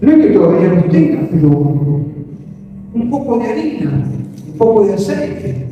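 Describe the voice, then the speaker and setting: High-voiced Argentine pastor in echoing hall. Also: male voice, moderate pace, faint music behind. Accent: Rioplatense Argentine Spanish. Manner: fervent storytelling, rising to excited high-pitched peaks. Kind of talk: sermon. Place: large church hall. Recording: echoey hall from a distant mic.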